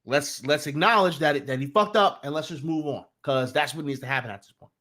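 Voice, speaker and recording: A young New Jersey man with a Jersey accent hosts a casual live sports talk stream, his voice a little high, fairly quick, bright and forceful. He talks loosely and profanely, restarting sentences and greeting his chat.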